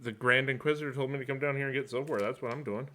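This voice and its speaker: A man's voice: mid-range voice, steady tone, rapid-fire, bright, forceful tone. A man playing a character in a tabletop game, casual and sarcastic. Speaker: player.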